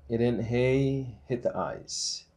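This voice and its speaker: A man in his thirties hosting a casual unboxing vlog, reading titles off with small relaxed asides. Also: medium pitch, creaky, heavy background noise. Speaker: channel host unboxing a disc set.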